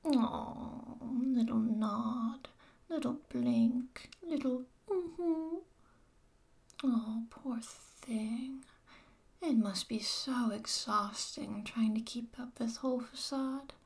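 Woman acting out a scornful ex-dominatrix, whispery, taunting, unhurried delivery, audio roleplay. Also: on the high side, creaky, a little mellow, heavily acted. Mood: mocking whisper. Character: mocking, controlling former dominatrix woman, cold and teasing.

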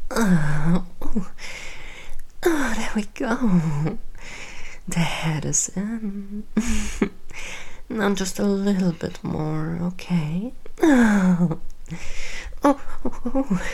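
Woman playing a breathy seductive queen. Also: fairly low pitch, darkish tone, full character voice. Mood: soft teasing. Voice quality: breathy, whispery. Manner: teasing, commanding, intimate. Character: seductive commanding adult queen. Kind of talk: erotic audio roleplay.

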